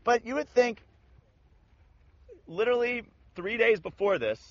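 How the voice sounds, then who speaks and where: Male Bible teacher, casual and animated, high voice, muffled lo-fi recording. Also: measured pace, no room sound. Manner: animated, acts out scripture in slangy voices. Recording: dull lo-fi sound.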